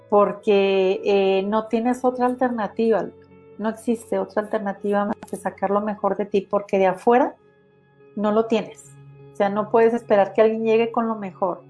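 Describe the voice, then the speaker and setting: A woman's voice: mid-range voice, fairly even intonation, moderate pace, darkish tone, soft background music. A woman with a Mexican accent, a guest in an interview, telling her personal story in an earnest, reflective way with many fillers. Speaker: guest, cancer survivor and author.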